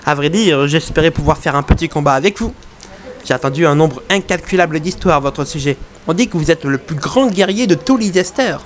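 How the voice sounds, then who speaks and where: A man's voice: on the high side, animated, a little fast, a little hiss or hum, lightly acted. A man reading aloud the lines of an eager young hero who wants a sparring match. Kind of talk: reading game dialogue aloud.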